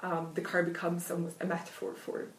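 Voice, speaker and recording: A literature academic whose native language is Italian speaks in a conversational interview, thoughtful and hesitant, with many fillers and restarts. Her lowish voice is monotone and brisk, picked up off-mic from a distance in an echoey room with slight background noise.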